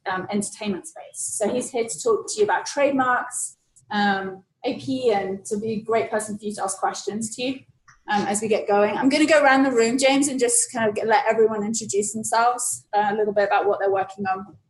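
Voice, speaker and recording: A woman organizing the program introduces a guest speaker in a relaxed way, with filler ums. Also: medium pitch, fairly quick. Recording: roomy with faint background hum.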